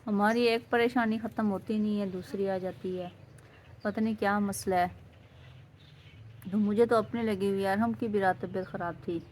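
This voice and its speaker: A woman from Pakistan speaks in a casual home vlog. Her voice is mid-pitched with a warm, mellow tone. She keeps asking questions and comes back to the same point again and again in a worried way. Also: steady tone, a little hiss or hum. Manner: worried, questioning, repeats herself. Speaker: vlogger's wife.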